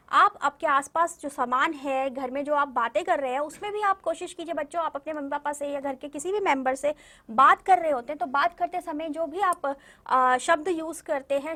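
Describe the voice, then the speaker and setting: High-voiced woman teaching young children. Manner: patient, repeats words slowly and drills vowel signs; addresses the children warmly and often checks understanding. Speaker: primary school Hindi teacher. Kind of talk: online video lesson for young children.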